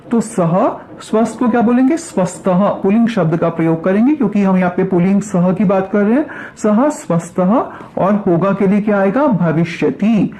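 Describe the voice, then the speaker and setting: A woman teaching a grammar lesson. She recites verb forms slowly, then asks questions and answers them herself. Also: medium pitch, dark tone. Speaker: Sanskrit teacher.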